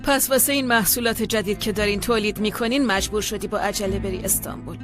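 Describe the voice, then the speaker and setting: A woman's voice: medium pitch, lightly acted. An actress playing a teasing mother who needles her son at the family table in a dubbed TV drama. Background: music.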